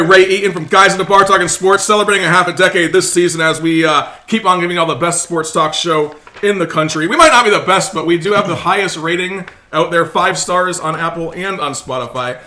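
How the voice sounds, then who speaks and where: A man's voice: a little high, sharp tone. A man hosting a casual sports podcast in an upbeat, promotional way. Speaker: podcast host.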